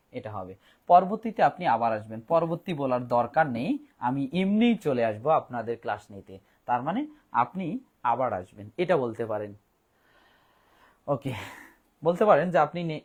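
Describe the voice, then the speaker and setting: A man teaching an online Bangla grammar class, slowing down to spell words out letter by letter, with fillers and restarts. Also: mid-range voice, slightly rough.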